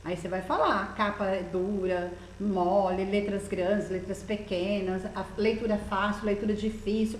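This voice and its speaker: A woman's voice: medium pitch, reverberant, slight background noise, poor audio. A Brazilian woman teaching primary school children in a recorded lesson, patiently coaxing them with many questions as she walks through a workbook. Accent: Brazilian Portuguese.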